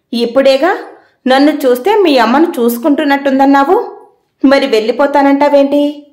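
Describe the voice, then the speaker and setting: A woman voicing a caring but quick-tempered housewife who scolds and questions sharply. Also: high voice, a little mellow, reverberant, lightly acted.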